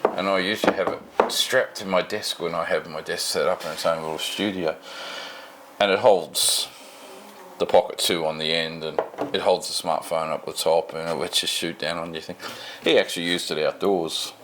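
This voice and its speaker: This home vlog, shot at night, has a tired middle-aged Australian man rambling casually and self-deprecatingly without a script. His low voice holds a steady tone and moderate pace, slightly bright, with a little background noise.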